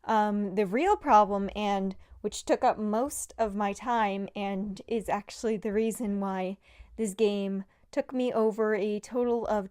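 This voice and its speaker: A young woman talks through her hobby game project in an unhurried, rambling way, full of fillers and self-deprecating asides. Her voice has a smooth, clear tone with a valley girl lilt. The recording is dry and close, with no room sound. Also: mid-range voice, darkish tone, dry recording. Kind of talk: casual devlog narration.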